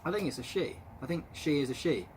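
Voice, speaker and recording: Man, mid twenties, teasing, animated up-and-down voice, faint hiss. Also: a little high, fast talker. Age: 20s. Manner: playful, teasing. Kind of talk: casual chat. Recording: light background noise.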